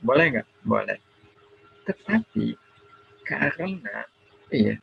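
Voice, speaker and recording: A middle-aged preacher man with an Indonesian accent and a very gravelly, creaky voice. He asks his listeners questions and answers them himself in a conversational teaching manner. His video call audio sounds dull, with faint noise behind it. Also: mid-range voice, fairly bright tone. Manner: acts out a scolding parent in quoted lines. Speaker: Islamic preacher. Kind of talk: online seminar talk to mothers.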